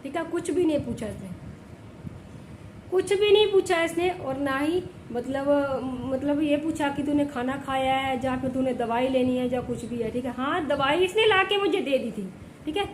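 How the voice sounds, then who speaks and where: A woman's voice: high voice, normal speed, roomy sound, slight background noise, rough recording. A woman vlogging at home while sick with a fever, complaining at length and often checking in with viewers. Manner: complaining, repeats herself, keeps asking "ठीक है?". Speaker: village vlogger. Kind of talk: casual vlog talk to camera. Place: home indoors.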